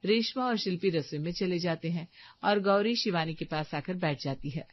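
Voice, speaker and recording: A woman's voice: fairly low pitch, normal speed, no room sound, muffled recording. A woman giving scripted storytelling narration for a cartoon story.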